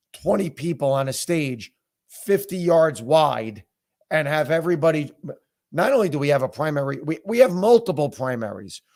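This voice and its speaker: A man with a hoarse, sore-throated voice giving a blunt, emphatic opinion monologue to viewers as a political commentator. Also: a little high, darkish tone.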